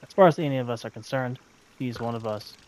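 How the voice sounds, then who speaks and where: A man reading a story game aloud in measured, thoughtful narration with occasional commentary. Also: mid-range voice, a little mellow, slight background noise. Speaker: gaming video narrator.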